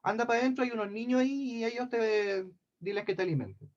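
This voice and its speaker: A man voicing a cruel, mocking male giant who eats people, in a gruff, threatening way of talking, in a dull lo-fi recording. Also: very high-pitched, fast talker, pitched above the performer's own voice.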